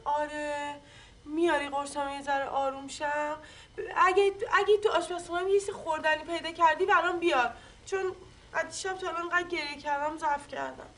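An actress playing an upset young wife, worn out from crying, moody and snapping. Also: female voice, high-pitched, steady tone, fairly bright tone. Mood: weary.

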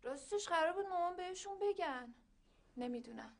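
A woman's voice: very high-pitched, lively intonation, vocal fry, exaggerated voice. An actress playing a polite young woman in her twenties, a student meeting a suitor's family. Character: shy young woman student at a courtship visit.

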